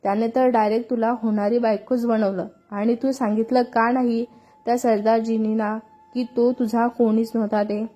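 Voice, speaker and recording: A woman's voice: fairly high pitch, flat delivery, moderate pace, dark tone, close to an everyday voice. A woman reading a story voices a cheerful young woman who teases her friend. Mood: teasing. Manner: amused, teasing.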